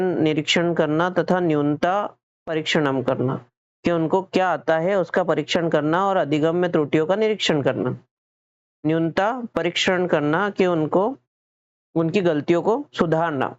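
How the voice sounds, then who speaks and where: His voice a little high and his pace a little slow, a Hindi-accented man leads an exam-prep lesson, walking through exam questions in steps. He questions and answers himself, often repeating and revising his words. It's a dry recording with the high frequencies cut off.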